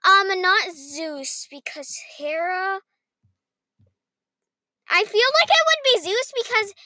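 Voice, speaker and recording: A woman's voice: very high voice, pushed and bright, no room sound. A young girl co-hosting a podcast, chatting casually and reading out quiz questions. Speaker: podcast co-host. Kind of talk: casual podcast chat, reading quizzes aloud.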